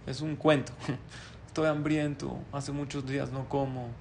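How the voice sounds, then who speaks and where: A man's voice: medium pitch, little pitch movement, a little slow, gravelly, darkish tone, slight background noise. A man voicing a starving bear that speaks faintly and weakly. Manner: faint, weak voice.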